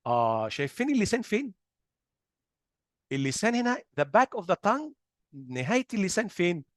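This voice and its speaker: A man's voice: high-pitched, very animated, dry recording, studio quality. A man with an Egyptian Arabic accent teaching phonics in an explanatory lesson, posing questions and answering them himself and drawing out example sounds. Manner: drawn-out sound demonstrations.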